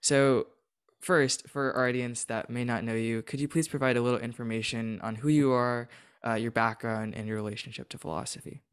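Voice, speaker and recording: A man's voice: mid-range voice, steady tone, fairly quick, clean tone. A man speaking as a podcast host, interviewing a guest in a conversational style.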